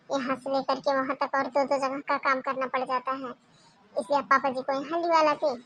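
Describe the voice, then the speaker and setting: Woman playing a young cartoon daughter, high voice, earnest, argues back. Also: sharp tone, a little hiss or hum. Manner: earnest, protesting, persuasive. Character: young caring daughter who defends her sister-in-law. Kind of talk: Hindi cartoon voice acting.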